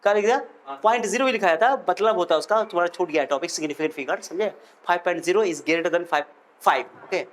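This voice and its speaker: Speaking fast in a high voice, a male physics teacher solves problems while ribbing and quizzing his students. The lecture stays jokey and lighthearted.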